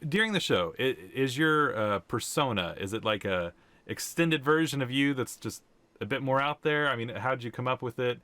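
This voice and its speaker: A man hosting an interview, asking questions in a soft, hesitant way. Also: mid-range voice, animated, moderate pace, no room sound. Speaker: interview host.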